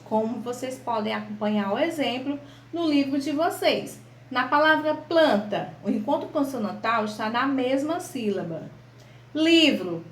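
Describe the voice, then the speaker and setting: A Brazilian woman teaching primary school children an online lesson, slow and patient, spelling out letters and examples. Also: sits high. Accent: Brazilian Portuguese. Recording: echoey room.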